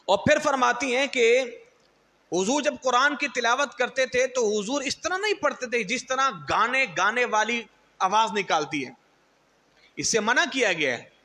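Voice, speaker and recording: A man's voice: very high-pitched, lively intonation, pushed and bright, long reverb tail. A man preaching a sermon, telling stories and acting out quotes and other people's mannerisms. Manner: storytelling, acts out quotes and mocks others' styles. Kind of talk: Urdu sermon.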